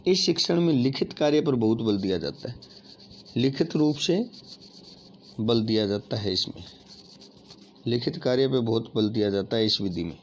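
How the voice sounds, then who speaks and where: A man's voice: mid-range voice, expressive, moderate pace, pauses often. A man teaching an exam-prep lesson, addressing listeners as friends and asking and answering his own questions. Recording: dull lo-fi audio with faint noise.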